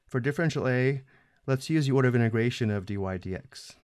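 A man explaining a math problem step by step in a screencast lesson, steady and methodical. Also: medium pitch, brisk, clean tone, no echo, clean studio sound. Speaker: math instructor.

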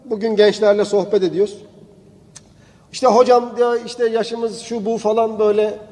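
Man preaching a sermon with high pitch. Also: little pitch movement, normal speed, darkish tone, in a large hall, a little hiss or hum. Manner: storytelling, rising into emphatic declaiming.

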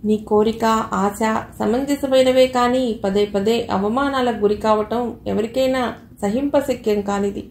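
Steady patient husband in a story, read by a woman, slow careful advice, roomy sound. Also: on the high side, slight background noise, lightly acted. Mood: earnest. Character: calm, earnest husband. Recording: echoey room, faint ambience.

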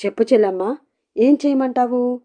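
A woman's voice: a little high, moderate pace, mellow, highs cut off, voice pushed up, close to an everyday voice. A woman voicing an older mother-in-law who talks in a cajoling, doting way.

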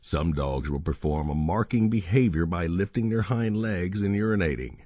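Male audiobook narrator, deep and mellow, lively intonation, reads instructions steadily. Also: slightly rough, no room sound, clean studio sound. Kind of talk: scripted narration of a dog-training book.

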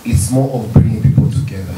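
A man organizing a concert, explaining the plans at a press conference in a steady, explanatory way. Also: fairly low pitch, quick pace, loud music behind the voice. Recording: distant mic, echoey, loud noise.

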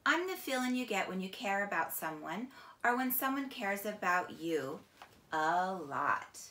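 Sitting on a couch in a small room, a middle-aged woman teacher gives a slow, deliberate, expressive reading of a children's picture book. Her voice is slightly low-pitched yet crisp and bright, and the camera a few feet away picks up an echoey, roomy sound.

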